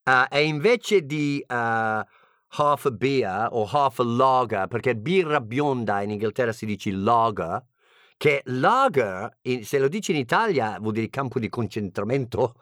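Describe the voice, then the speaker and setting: A man's voice: medium pitch, animated, measured pace, fairly bright tone, no echo, studio quality. A man from England with an English accent and English as his first language, giving a playful, joking language lesson as a teacher. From England (Birmingham).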